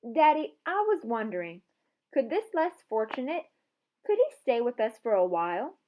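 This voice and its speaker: An earnest young storybook girl, played by a woman reading aloud, pleads politely with her father. The voice sits high and sounds eager to persuade. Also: very animated, moderate pace, darkish tone, a little hiss or hum. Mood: earnest pleading.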